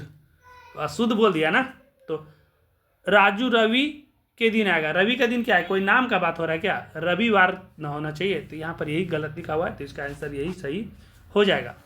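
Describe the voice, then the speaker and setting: A man's voice: high voice, bright, forceful tone. A man teaching exam questions, asking and answering his own questions and repeating key points.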